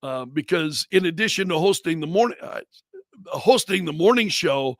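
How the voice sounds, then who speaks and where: Rambling radio host, higher voice, dry sound. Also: male voice, expressive, moderate pace, no echo. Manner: rambling, conversational, with restarts and asides to viewers. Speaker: radio host and brand manager. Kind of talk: casual livestream chat.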